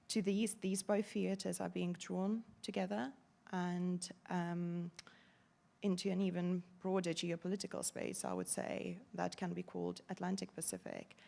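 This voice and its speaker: Heavily creaky woman panelist. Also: fairly low pitch, a little mellow. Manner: measured, with frequent filler sounds. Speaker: conference panelist. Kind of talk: conference panel talk.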